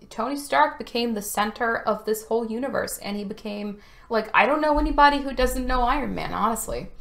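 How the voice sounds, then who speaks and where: A woman's voice: fairly high pitch, vocal fry, fairly bright tone. A woman talking casually to camera about a film at home, chatty and getting emotionally choked up at moments. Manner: emotional, chatty, choking up at times. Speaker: video reviewer. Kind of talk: casual chat. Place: home room. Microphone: camera facing speaker.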